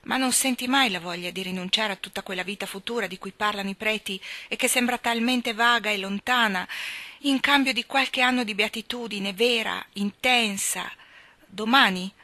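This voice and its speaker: A woman's voice: mid-range voice, moderate pace, pushed and bright, no room sound, close to an everyday voice. A woman reading the part of a defiant, scornful young woman in an audiobook story. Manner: scornful, challenging.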